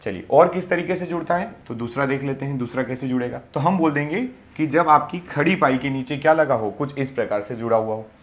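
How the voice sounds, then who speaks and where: A young man teaching a Hindi grammar class for exam preparation, who asks rhetorical questions, answers them himself and repeats key words slowly. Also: mid-range voice.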